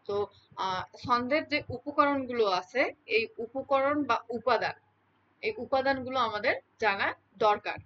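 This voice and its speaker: A woman's voice: fairly high pitch, fairly bright tone, a little hiss or hum. A woman teaching a lesson in an explanatory lecture style, speaking, repeating key terms and checking in with her listeners often. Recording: dull lo-fi recording.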